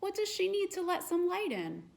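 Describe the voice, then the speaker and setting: A woman children's librarian reading a storytime tale aloud, gently asking the children questions. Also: extremely high pitch, sing-song, moderate pace, creaky.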